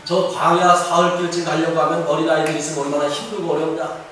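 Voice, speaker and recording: A man preaching a sermon as pastor, emphatic, swinging between loud rises and quiet drops, reading scripture aloud. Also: little pitch movement, quick pace. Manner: emphatic preaching, rising and falling pitch, reads scripture aloud. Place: small church sanctuary. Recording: echoey church hall from far off, faint background noise.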